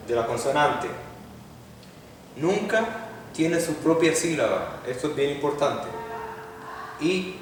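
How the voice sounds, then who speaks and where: A man's voice: a little high, slight background noise. Guy giving a hebrew lesson, patient explainer, recorded from far off in a big echoey room. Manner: patient, explains step by step, asks students questions. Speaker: Hebrew teacher. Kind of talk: classroom lecture.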